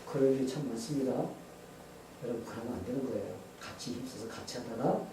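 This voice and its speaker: A man's voice: mid-range voice, fast talker. A male pastor preaching a sermon, telling a story with rhetorical questions to the congregation. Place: church sanctuary. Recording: echoey church hall, far mic, faint noise.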